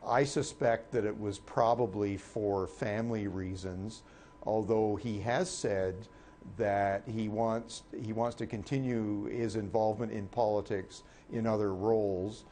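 A man giving unscripted political analysis in a halting, measured way, often repeating words. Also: lowish voice, fairly even intonation, dark tone. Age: 60s. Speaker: political commentator. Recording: clear background noise.

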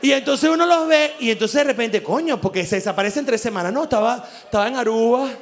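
A man with a Venezuelan accent doing an animated, crude stand-up comedy monologue, acting out little voices as he goes. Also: very high voice, fast talker, some chatter behind, slight background noise. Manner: animated, crude, laughs often, acts out voices. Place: live show venue.

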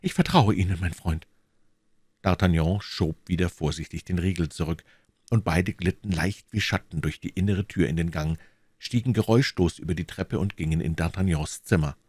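A man narrating a classic novel as an audiobook, calm and measured, doing voices for the characters. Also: sits low, slightly rough, dry recording, clean studio sound. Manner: calm, measured storytelling with many voiced parts.

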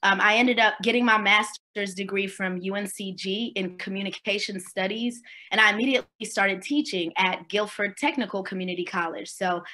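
Woman from swaziland doing a keynote over a video call at home, bright voice, chatty and casual, lots of ums. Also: mid-range voice, moderate pace, few pauses. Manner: conversational, with fillers and friendly check-ins. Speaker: keynote speaker. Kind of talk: virtual keynote talk. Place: home room, indoors.

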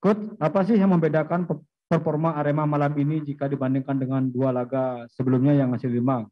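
A man's voice: on the high side, fairly even intonation, fast talker. Male press conference moderator, dull sound. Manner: polite, reads out reporters' questions.

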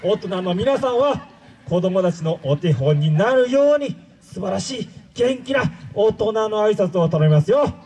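Pompous android villain. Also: male voice, high voice, expressive, measured pace, husky, exaggerated voice, low-quality recording. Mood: commanding. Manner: grandiose commanding speech, loud shouted calls. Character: pompous male android villain rallying a crowd. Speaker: villain host of a live stage show. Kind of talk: live character-show acting.

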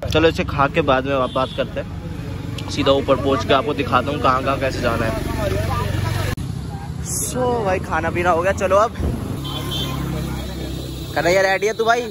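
A young man vlogs on his phone outdoors along a riverside and hill trail, chatting casually and teasing a friend in joking banter for a travel vlog. His voice is fairly high, his pace moderate with long pauses, and an outdoor crowd and traffic can be heard behind him.

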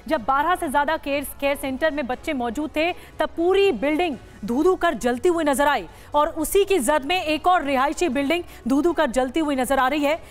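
A woman news anchor narrating breaking news in an urgent, dramatic tone, often asking the viewer to imagine the scene. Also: high voice.

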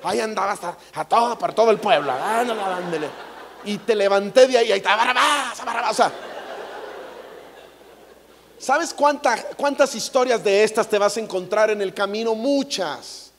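A man with a Mexican accent giving a comic inspirational talk to an audience, an animated, jokey storyteller who acts out voices. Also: high-pitched, normal speed, slight background noise. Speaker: motivational speaker. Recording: echoey large hall.

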